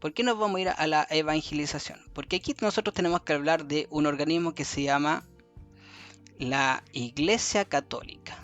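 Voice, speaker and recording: A man teaching a review lesson to schoolchildren, repeating key words slowly for emphasis. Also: on the high side, a bit bright. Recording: faint music behind.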